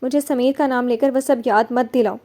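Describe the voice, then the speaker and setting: A woman reading as a sharp, indignant woman doctor. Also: on the high side, fairly even intonation, brisk, lightly acted. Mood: irritated. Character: proud, irritated woman doctor, older than her suitor. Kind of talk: novel reading.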